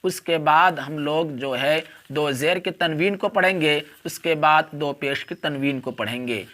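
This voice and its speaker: A man with a slightly high voice gives a step-by-step reading lesson as a Quran teacher. He alternates quick explanations with slow, repetitive drills, sounding out each letter carefully. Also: pushed and bright. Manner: repetitive drilling, spelling out letters slowly and deliberately; brisk explanations between drills.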